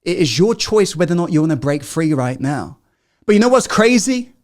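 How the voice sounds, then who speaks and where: Sing-song and fairly quick, with a voice on the high side, a man runs a live motivational masterclass, firing off rhetorical questions and swinging between emphatic, loud urging and hushed, personal asides.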